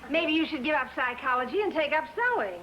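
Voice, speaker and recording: A woman's voice: high voice, lively intonation, fast talker. An actress playing a patient, sensible middle-aged mother with a mild, dry teasing manner, in 1950s sitcom style. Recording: noisy old TV soundtrack, loud audience laughter.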